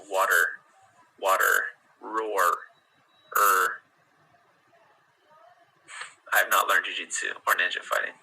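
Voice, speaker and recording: A man with an American accent giving a relaxed pronunciation lesson, repeating words slowly and drawing out each sound. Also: fairly low pitch, slightly rough, poor audio. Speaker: pronunciation teacher.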